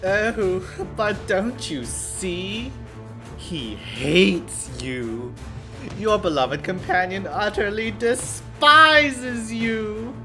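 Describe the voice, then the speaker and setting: An actor voices a smug, scheming young male noble villain in a dramatic visual novel scene, taunting and theatrical, with a goading, mock-sweet, haughty delivery. His full character voice is high-pitched and lively, with drawn-out words, heard over music.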